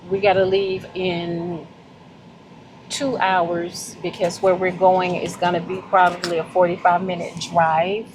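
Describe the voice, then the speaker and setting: Effusive Southern woman vlogging slowly. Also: lowish voice, a little hiss or hum, rough recording. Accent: Southern American. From Southern United States. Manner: effusive, animated, heartfelt, addresses viewers as y'all. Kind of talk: casual vlog chat.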